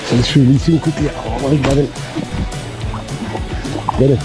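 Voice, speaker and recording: A man on a float tube on an open lake, excitedly coaxing a trout in and chatting to his friend. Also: medium pitch, a little slow, over loud music. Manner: coaxing, excitable, talks to the fish. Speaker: angler landing a fish. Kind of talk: excited casual fishing chatter. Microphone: action camera on the boat.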